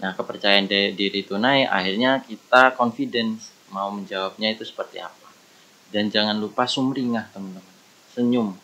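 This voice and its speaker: A man's voice: on the low side, steady tone, normal speed, bright, forceful tone, highs cut off. A man gives casual career advice as a podcast guest, earnest and meandering, often restarting his sentences.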